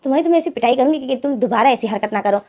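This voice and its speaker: A woman's voice: high-pitched, lively intonation, racing, mellow. A woman voicing a stern mother who scolds and threatens her son in a told fanfiction story. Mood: angry scolding.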